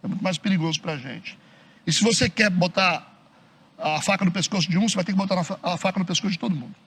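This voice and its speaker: A middle-aged Brazilian pastor preaches in a loose, conversational way, mimicking the people he quotes and checking in with the congregation over and over. His voice is high and bright with a husky edge. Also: fast. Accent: Brazilian Portuguese. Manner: acts out quoted churchgoers in mocking voices; frequent tag questions to the congregation. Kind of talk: conversational sermon. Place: church hall.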